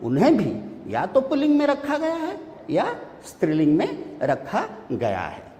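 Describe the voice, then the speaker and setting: A man teaching a grammar lesson, listing example words one at a time with pauses in between. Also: high-pitched, wildly swooping pitch, mellow, a little hiss or hum. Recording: echoey room with long reverb.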